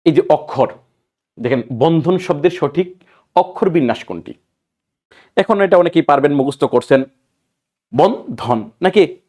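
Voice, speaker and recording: A man's voice: a little high, animated, unhurried, pauses often, a little mellow. Quizzing man teaching grammar. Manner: quizzing listeners, answering his own questions. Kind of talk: exam-prep grammar lesson.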